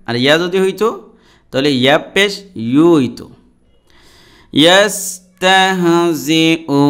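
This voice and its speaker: Slow, clear-voiced male Quran teacher. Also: a little high, a bit bright. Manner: spells out letters and vowel marks syllable by syllable, then chants the words drawn out; addresses viewers directly in explanations. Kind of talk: slow spelled-out recitation lesson.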